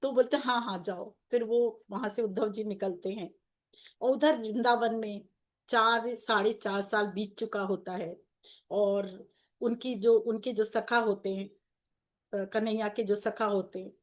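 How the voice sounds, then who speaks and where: A woman's voice: medium pitch, steady tone, measured pace. A woman narrating a devotional story in an earnest, repetitive way, with many fillers and restarts as she voices the dialogue. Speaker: spiritual storyteller.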